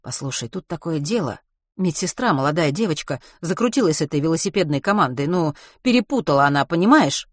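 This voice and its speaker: A woman's voice: low voice, animated, brisk, dry recording, studio quality. Woman doing a brusque greying doctor. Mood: sheepish. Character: brusque, greying middle-aged male doctor.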